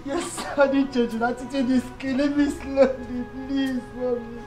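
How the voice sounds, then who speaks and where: A woman's voice: high-pitched, little pitch movement, normal speed, mellow, soft background music, lightly acted. A woman with a Nigerian accent playing a wronged young wife who begs her mother-in-law tearfully for forgiveness in a film. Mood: pleading. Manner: pleading, tearful, repeats "Mommy, please". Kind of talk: Nollywood film acting.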